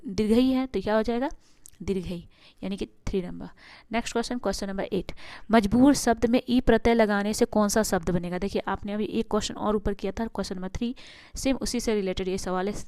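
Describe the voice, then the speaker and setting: A woman teacher going through grammar quiz answers. She asks the class questions and then answers them herself, and she stretches words out slowly to stress their sounds. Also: medium pitch, a little mellow, smooth, no room sound.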